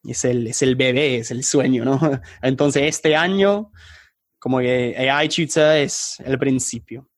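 Speaking slowly at a medium pitch, an English-accented man from England answers questions in Spanish in a casual interview, a non-native speaker who hesitates and searches for words. He appears as a podcast guest and is an online tutor and startup founder; the recording is dry and studio quality.

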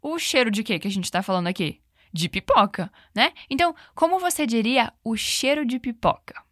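Higher-pitched woman, slow drilled English. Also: expressive, fairly bright tone, no room sound, studio quality. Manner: slow, drawn-out English model phrases; encouraging, repeats drills. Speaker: English teacher. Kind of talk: language lesson.

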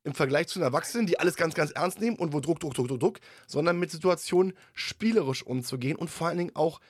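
A man hosts an interview and talks emphatically, repeating key words and pulling points together into a summary. His voice sits on the higher side for a man. The sound is dry and close, with no room around it. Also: fast talker, dry recording. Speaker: podcast host. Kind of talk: conversational podcast interview.

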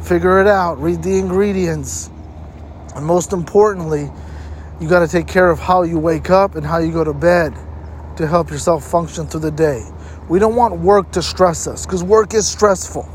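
Speaking straight to camera at a normal speed, a high-voiced male host gives motivational health advice, pressing on key points and repeating them. Traffic and other outdoor ambience surround him in the recording.

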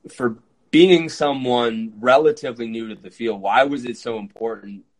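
A man in his early thirties hosting a podcast interview, eager and quick, with frequent fillers. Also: mid-range voice, rough recording. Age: 30s. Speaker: podcast host. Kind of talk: conversational interview.

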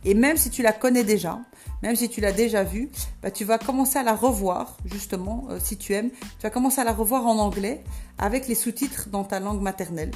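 A woman's voice: medium pitch, a little fast, darkish tone, faint music behind, natural voice. A woman voicing a confident woman coach. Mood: firm, encouraging. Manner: firm, instructing step by step.

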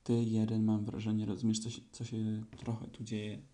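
A man's voice: fairly low pitch, monotone, dark tone, slight background noise, close to an everyday voice. A man doing gloomy Eeyore, the old grumbling donkey. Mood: mournful. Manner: slow, sulky, complaining.

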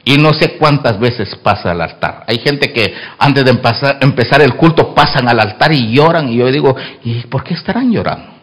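A man preaching a sermon as pastor in church, swinging from hushed asides to loud exclamations and acting out both sides of the dialogues he tells. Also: medium pitch, animated, normal speed, hardly any pauses.

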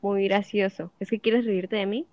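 A woman's voice: mid-range voice, steady tone, moderate pace, a little mellow, no room sound, highs cut off, lightly acted. A woman voicing a jealous, bitter wife of fifty who keeps accusing and questioning her husband. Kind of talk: audiobook dialogue reading.

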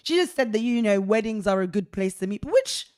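A woman in her thirties co-hosting a casual faith discussion podcast, chatty and expressive, laughing often. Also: mid-range voice, fairly quick. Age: 30s. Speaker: podcast co-host.

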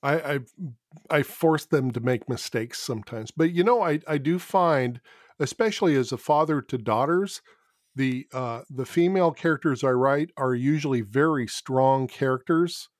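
A man's voice: mid-range voice, moderate pace, no room sound, studio quality. A man chatting as a guest author on a podcast, chuckling often and joking about his own verbal habits. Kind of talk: casual podcast chat.

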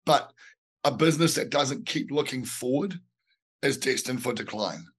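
A man co-hosting a podcast, talking through business ideas in a halting way, repeating words as he thinks, a bit under the weather. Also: medium pitch, breathy edge. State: a bit unwell with a bug. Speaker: podcast co-host. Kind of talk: casual business chat.

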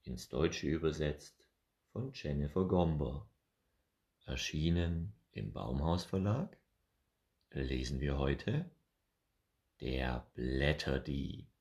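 A man reading a children's picture book aloud, expressive and unhurried. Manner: slow, expressive, lively pitch. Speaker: storyteller.

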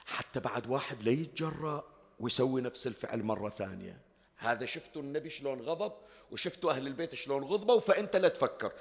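A man preaches a sermon, his voice pitched high and rising and falling with wide animation. He moves from loud emphatic declaiming to quiet asides. A long reverb from a large hall trails his words. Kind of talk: religious sermon.

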